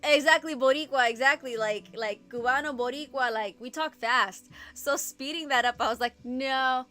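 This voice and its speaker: Her voice sits high and sounds pushed and bright as this Puerto Rican woman chats through a reading-sprint live stream from her home computer. She rambles quickly and uses "like" constantly. Faint music can be heard behind her.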